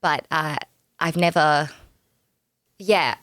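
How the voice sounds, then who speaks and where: Young aussie woman guest, low voice, bubbly and chatty, dry close sound. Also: steady tone, takes it slowly, fairly bright tone, no echo. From Australia. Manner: bubbly, laughs often, chatty with fillers. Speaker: guest musician. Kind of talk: casual podcast interview.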